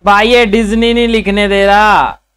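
A man livestreaming and bantering with his chat, with a sore, hoarse throat and a teasing, foul-mouthed manner. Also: high-pitched, steady tone, fairly bright tone, no room sound. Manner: teasing, swears freely, quick comebacks. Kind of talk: casual live stream banter.

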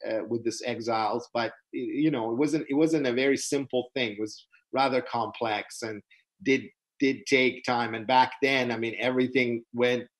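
Speaking from a small room over a video call webcam, this middle-aged man whose first language is Persian delivers an unscripted webinar lecture in response to questions. His medium-pitched voice keeps a steady tone, though he speaks haltingly and earnestly, restarting often.

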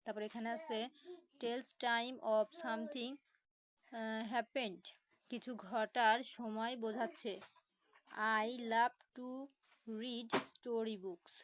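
Slow, patient woman teacher spelling words. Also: on the high side, little pitch movement, low-quality recording. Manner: spells words letter by letter, slow explanations with many fillers. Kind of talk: online lesson explaining a textbook.

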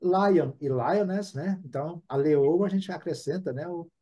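Brazilian male teacher, fairly high, mellow and husky voice, chatty live-class delivery with constant tag questions. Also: unhurried. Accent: Brazilian Portuguese. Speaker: English teacher. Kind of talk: live online language class.

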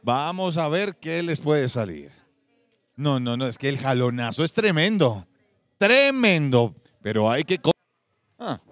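A man hosting a TV game show, excitable and exclamatory, talking to the viewers at home. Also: fairly high pitch, measured pace, no room sound.

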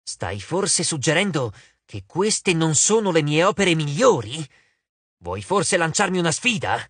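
A man voicing a vain, touchy giant spider woman for a storybook, with shrill, shrieking outbursts. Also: very animated, moderate pace, a bit bright, no echo. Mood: haughty.

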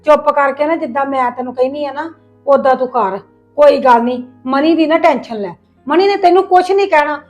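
A middle-aged woman playing a patient mother-in-law who gently advises and reassures in a family drama. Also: sits high, a little fast, soft background music, lightly acted. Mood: soothing. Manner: coaxing, reassuring, lecturing softly. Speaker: actor in a family web drama. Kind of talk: acted family drama dialogue.

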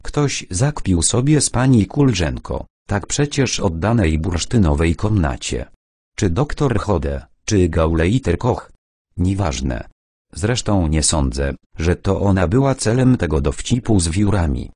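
A solemn middle-aged scholar, read by a man who muses in a low voice. The recording is dry and close. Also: animated, a little slow, darkish tone, slightly rough, dry recording, heavily acted. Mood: reflective. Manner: solemn, reflective.

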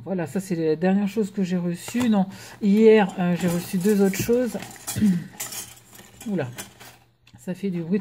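Woman vlogger, mellow tone, hushed, chatty with hesitations, casual home unboxing. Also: mid-range voice, slight background noise. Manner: chatty, hesitant with many fillers; talking softly while children nap. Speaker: crafting vlogger.

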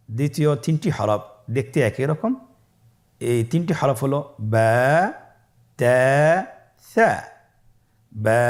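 Man teaching letters, call and repeat, drags each sound out long, calm mid voice. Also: medium pitch. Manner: patient, drawn-out letter sounds for learners to repeat; praises softly after each drill. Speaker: Quran reading teacher. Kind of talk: step-by-step lesson with call-and-repeat.

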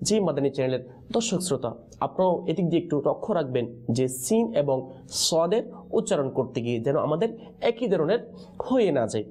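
A man teaching the pronunciation of Quranic letters in a lesson, pausing on questions so his students answer in chorus. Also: on the high side, sing-song, a little mellow. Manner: call-and-response teaching, prompting answers with questions.

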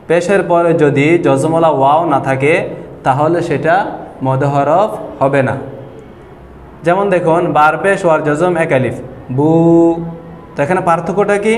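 Man, somewhat high voice, patient whiteboard teacher, roomy echo, faint hiss. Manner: slow, patient explaining, drawing out example sounds. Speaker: Quran reading teacher. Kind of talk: whiteboard lesson on Quran pronunciation. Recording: echoey room with long reverb and faint noise.

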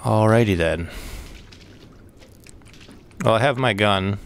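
Man, let's play commentary, swearing, rambling, excitable outbursts, faint background noise. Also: fairly low pitch, slow pace. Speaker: gaming video host.

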